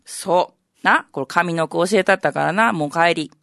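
A woman's voice: lowish voice, moderate pace, gravelly, a bit bright, no room sound, voice pushed down. Brief: bluffing Kansai elder in rakugo, played by a woman, condescending storyteller, close and dry. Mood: storytelling. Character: know-it-all older Kansai man bluffing an explanation.

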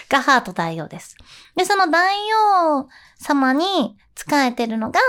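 Woman host, voice actress; high voice, casual, giggly chat. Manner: chatty and giggly, sliding between polite and casual talk. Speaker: voice actress hosting a show.

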